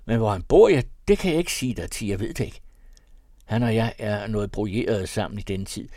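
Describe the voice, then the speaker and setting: A man voicing an easygoing, sociable young male student who talks in a lively, reassuring way. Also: fairly low pitch, dry recording, studio quality.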